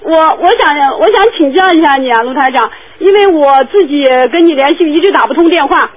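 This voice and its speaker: A woman's voice: high voice, expressive, brisk, slight background noise. A woman calling in to a radio advice show, earnest and pleading as she asks her questions. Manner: earnest, pleading, eager to please. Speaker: radio call-in caller. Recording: muffled phone line.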